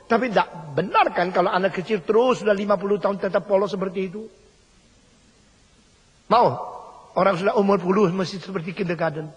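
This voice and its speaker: An older man preaching a sermon emphatically, repeating his key phrases and sometimes mimicking other people. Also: sits high. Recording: husky voice in a hall with long reverb.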